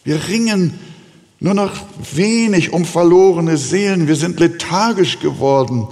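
Pastor, male, slow deliberate preacher pleading with his flock; church hall echo. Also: on the high side, darkish tone. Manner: earnest, pleading preaching with slow emphatic pauses. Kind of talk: sermon.

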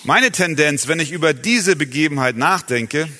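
A man's voice: fairly high pitch, expressive, moderate pace, sharp tone. A man interpreting a sermon live, earnestly relaying each phrase right after the preacher. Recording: long hall reverb with faint music.

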